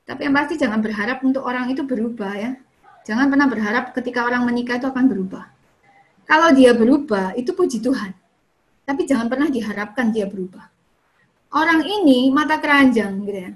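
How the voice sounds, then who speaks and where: A woman's brisk, fairly high voice carries a relaxed talk on dating and marriage at a church fellowship. Chatty in tone, she repeatedly asks the listeners questions and answers them herself, frequently wrapping up points with "kayak gitu" and "gitu ya."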